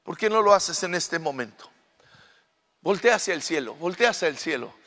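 A middle-aged man preaching a sermon as pastor, shifting from soft asides to loud proclaiming, with fillers and repeated words. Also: a little high, lively intonation, normal speed, big-room sound.

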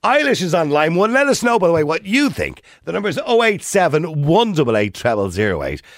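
A man's voice: on the high side, very animated, a little fast, no echo, studio quality. A man with an Irish accent presenting a radio phone-in conversationally, putting questions and repeating phrases for emphasis. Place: radio studio. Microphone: close studio microphone.

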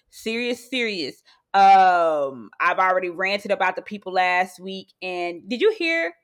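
A woman co-hosting a casual chat podcast, ranting in an animated way and repeating her phrases. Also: mid-range voice. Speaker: podcast co-host.

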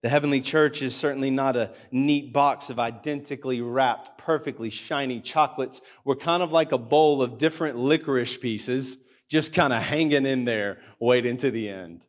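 A man's voice: medium pitch, moderate pace, few pauses. A man preaching a sermon in a school hall, earnest and speaking into a microphone, now and then acting out his listeners' doubts in a livelier voice. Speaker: pastor. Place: school hall church gathering. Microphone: handheld or stand microphone.

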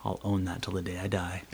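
A man's voice: sits low, creaky, darkish tone, breathy edge. A man running for city council, talking casually and sarcastically in a podcast interview, often laughing at his own jokes.

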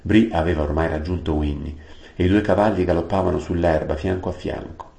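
Very deep, gravelly male storybook narrator. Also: fairly even intonation, warm tone. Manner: unhurried, adds plain-word glosses. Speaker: audiobook reader. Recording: roomy echo.

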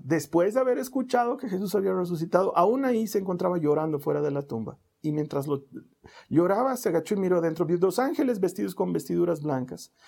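Man preaching a calm sermon; dark, mellow timbre, conversational and personal. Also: sits high, creaky, slightly rough. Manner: gentle, conversational, addresses listener directly.

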